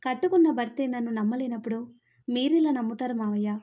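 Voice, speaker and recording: A woman's voice: a little high, fast talker, highs cut off, lightly acted. A woman voicing a hurt young wife in a storybook reading, tearful and pleading.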